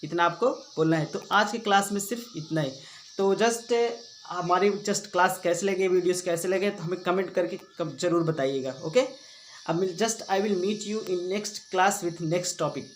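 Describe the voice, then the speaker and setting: A man's voice: high voice, roomy sound, slight background noise, rough recording. A man teaching a coaching-class lesson. He explains step by step, repeats himself and adds "okay" often. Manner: recites the model speech slowly and deliberately. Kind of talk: classroom lesson with a model speech.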